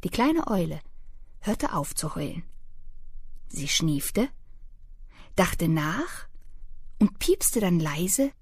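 A woman reading a children's story aloud in an expressive, gently dramatic way. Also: lowish voice, drawn-out words, long pauses, slightly rough, dry recording, clean studio sound.

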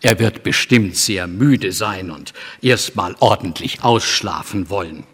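A man reading a story aloud and voicing a stern father who speaks in a grave, measured way. The recording has a long hall echo. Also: deep voice, a bit bright, husky, full character voice. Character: stern, calm father of the house.

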